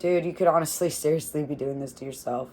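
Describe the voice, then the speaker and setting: A young adult woman giving a casual tarot reading, swearing freely, laughing often and rambling in an animated way. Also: deep voice, fast talker. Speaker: tarot reader.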